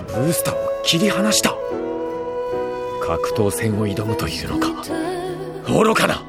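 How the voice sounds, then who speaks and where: A man's voice: mid-range voice, big pitch swings, a little slow, loud music behind the voice. A man playing a proud, determined enemy pilot in a Japanese sci-fi game, with an intense, haughty, dramatic delivery. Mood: scornful.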